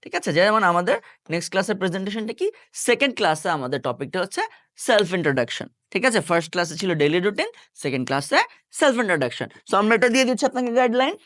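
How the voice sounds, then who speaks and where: Man teaching with lively, animated pitch. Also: rapid-fire, no echo. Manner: explains step by step, asking the viewer rhetorical check questions. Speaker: English teacher. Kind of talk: online lesson.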